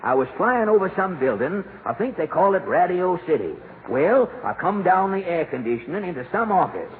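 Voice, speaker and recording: A man's voice: sits high, very animated, normal speed. A man playing a weary, folksy, grumbling old Santa Claus in 1940s radio comedy. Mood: folksy, put-upon. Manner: folksy rustic speech, grumbling. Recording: scratchy, tinny 1940s radio broadcast.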